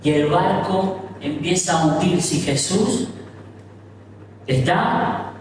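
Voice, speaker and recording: A man pastor preaching a sermon, telling the story with dramatic pauses and questions to the audience. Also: high-pitched, background noise. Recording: echoey hall from far off.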